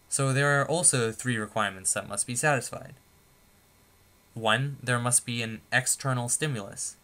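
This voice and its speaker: A man presenting a tutorial lecture, explaining points in a steady, methodical way with a few fillers. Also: medium pitch. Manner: steady, methodical, stepping through numbered points with occasional fillers.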